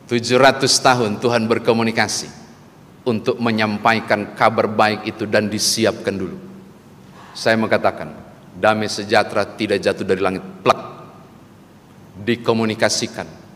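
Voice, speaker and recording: Pastor telling a comic story in a church hall. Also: male voice, fairly low pitch, flat delivery, normal speed, long pauses, fairly bright tone. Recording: long church hall reverb, faint ambience.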